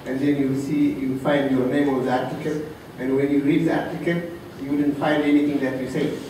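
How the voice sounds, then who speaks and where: A man from Africa giving a soft-spoken, halting tribute to his mentor, with many pauses and fillers. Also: mid-range voice, level tone. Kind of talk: heartfelt tribute speech. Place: reception room. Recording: roomy, distant, noisy room recording.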